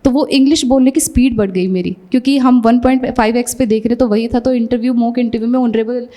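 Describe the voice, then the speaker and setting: A young woman from Haryana, talking very fast in a casual interview and slipping English phrases in as she speaks. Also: fairly high pitch, steady tone, dark tone. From Haryana, India. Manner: talks very fast; mixes English phrases into Hindi. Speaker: successful exam candidate being interviewed.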